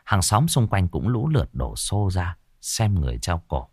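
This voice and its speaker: Male audiobook narrator, low and animated, dry read. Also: moderate pace, husky, no echo. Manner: expressive storytelling. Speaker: storyteller.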